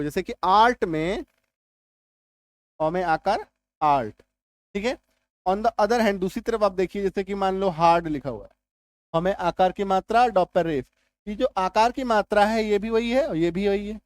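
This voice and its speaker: A man teaching a lesson patiently. He repeats points, drills sounds slowly and keeps checking whether listeners follow. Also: high-pitched, no echo. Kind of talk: explanatory classroom-style lesson.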